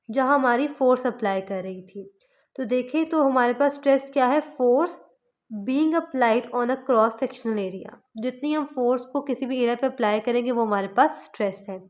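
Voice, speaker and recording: Slightly high-voiced woman teaching physics. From Pakistan. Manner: explains step by step, mixing English terms into Urdu; slows down to spell out formulas. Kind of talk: lecture.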